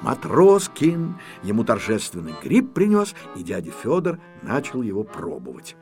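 Male storybook narrator, leisurely pace, lively intonation, light guitar bed. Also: fairly low pitch. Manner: unhurried, expressive reading. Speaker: audiobook narrator. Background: faint guitar music.

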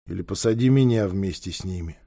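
A man voicing a rough teenage hooligan leader in a storybook reading. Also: deep voice, fairly quick, voice pushed down. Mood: sullen. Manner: shouting, rough.

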